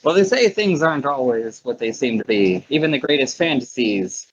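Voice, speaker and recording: A man voicing a flamboyant ringmaster sorcerer who calls out to the crowd in a booming, theatrical barker's voice, over muffled lo-fi audio. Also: lively intonation, moderate pace, slight background noise, natural voice. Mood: grand showman.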